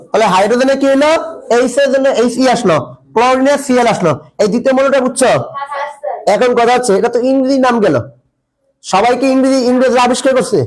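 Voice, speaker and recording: A man's voice: very high voice, poor audio. A male teacher giving a chemistry lesson in casual Bengali. He asks his students questions, answers them himself and repeats the key points. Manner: colloquial, dialect-tinged Bengali.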